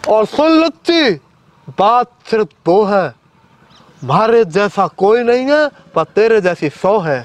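A man's voice: high voice, big pitch swings, takes it slowly, slight background noise. A man performing a swaggering, threatening village tough in a comedy sketch, outdoors. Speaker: comic actor.

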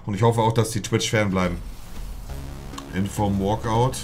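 A young man with a fairly low voice streams himself opening FIFA packs, talking at a normal speed with fairly even intonation in slangy street talk. He says "Digga" constantly and bursts into shouts when he pulls something good. Game music plays faintly behind his casual commentary.

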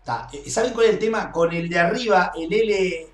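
Excitable swearing young man gaming. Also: high voice, normal speed. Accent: Rioplatense Spanish. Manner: excitable, swearing, screams when chased. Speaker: gameplay streamer. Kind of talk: gaming commentary. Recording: echoey room, faint noise.

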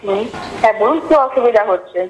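A woman's voice: a little high, expressive, racing, music in the background. A woman working as a customer care agent, heard over a phone line, politely and patiently repeating set phrases in a formal support call.

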